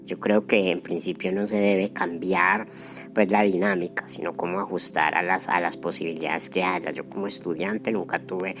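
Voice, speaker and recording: A Colombian man with a distinctly low voice answers as a professor in an informal interview. Clear background music runs under his speech. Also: flat delivery, moderate pace, a bit bright. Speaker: law professor, interview participant.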